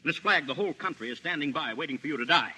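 An actor playing a pompous, excitable newspaper boss in 1930s screwball film comedy, raspy and oratorical. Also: male voice, a little high, fast talker, heavily acted, low-quality recording. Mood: pleading.

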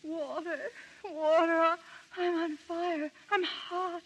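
An actress playing a feisty, quick-tempered young American woman fraud in 1930s screwball film comedy style, emphatic and petulant. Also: a crowd in the background. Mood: dazed. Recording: noisy, shrill old film soundtrack.

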